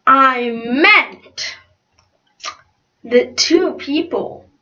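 An eager young college contestant who rambles and stumbles over fillers, played by a woman. The voice is high and bright, with a very slow pace, recorded lo-fi and dull. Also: lively intonation, exaggerated voice.

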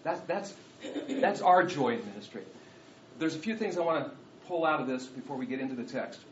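A man's voice: medium pitch, animated, brisk, roomy sound, dull audio, slight background noise. A man preaching a sermon, earnest and repeating himself with many restarts. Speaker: pastor.

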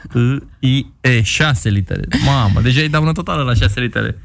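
A man's voice: medium pitch, gravelly. A man hosting a radio show, chatting and joking in a teasing, playful way. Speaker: radio host.

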